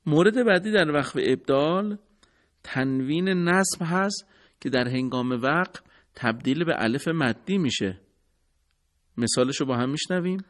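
A man's voice: a little high, expressive. Courteous male recitation teacher. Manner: formal, courteous, explains step by step. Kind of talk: scripted radio lesson.

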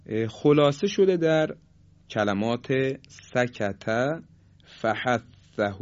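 A patient male teacher walks through pronunciation rules at an unhurried pace. He stretches out each example sound and speaks with courteous formality. His voice sits at an ordinary middle pitch, and the recording has a slightly muffled, lo-fi quality. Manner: slow, patient explaining with drawn-out example sounds; polite formal phrasing. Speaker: Quran recitation teacher. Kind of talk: tajwid lesson on letter qualities.

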